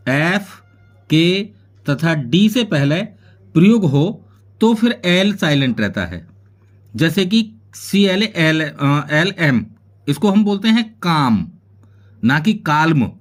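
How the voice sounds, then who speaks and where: High-voiced Indian English teacher. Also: male voice. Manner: spells words letter by letter, then gives their meanings, addressing viewers as friends. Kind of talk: classroom-style lesson explaining English spelling.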